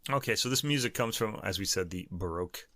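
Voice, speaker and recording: A man co-hosting a music podcast in casual chat, halting and stumbling over foreign words with a laugh. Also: lowish voice, bright, forceful tone, no echo. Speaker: co-host of a classical music podcast.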